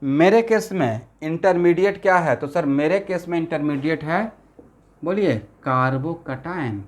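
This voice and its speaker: This male chemistry teacher has a fairly high, slightly mellow voice and talks at a moderate pace. His lecture is in Assamese-accented Hindi sprinkled with English terms, and he constantly makes sure the class is keeping up.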